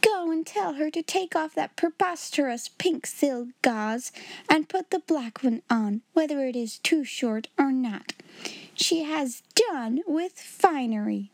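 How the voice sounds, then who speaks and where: A woman's voice: high-pitched, animated, takes it slowly, dry recording, pitched above the performer's own voice, heavily acted. Woman acting a fierce, bitter storybook schoolmistress. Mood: cold fury. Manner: fierce, bitterly ironic, commanding. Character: stern, furious, hard-hearted middle-aged schoolmistress. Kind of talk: storybook character voice.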